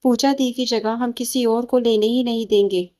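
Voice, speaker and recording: A woman's voice: a little high, steady tone, normal speed, darkish tone, close to an everyday voice. A woman reading the lines of a proud, defiant young woman in a storybook tale, firm and taunting. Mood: scheming.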